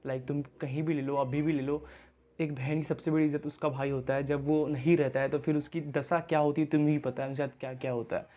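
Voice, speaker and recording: Young man, reaction host, casual commentary, mixes in English words, fairly high voice. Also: little pitch movement, fast, warm tone. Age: young adult.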